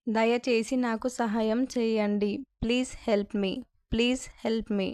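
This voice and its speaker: Woman English tutor with a Telugu accent, smooth clear voice, repeats each phrase twice in a drill. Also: on the high side, fairly even intonation, extremely slow, a little mellow, no room sound. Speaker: spoken English teacher.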